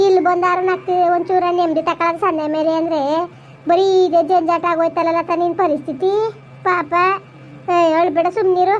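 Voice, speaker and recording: A woman's voice: very high voice, level tone, moderate pace, slight background noise. Woman as consoling village aunty Kamala. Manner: soothing, advising. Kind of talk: village comedy skit. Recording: dull lo-fi sound.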